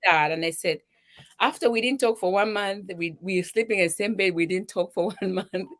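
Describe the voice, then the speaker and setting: Speaking in a mid-range voice at normal speed, a middle-aged woman from Zambia, with a Zambian accent, recounts her own story as a charity founder. Her telling is emotional and lively, and she acts out the words of others.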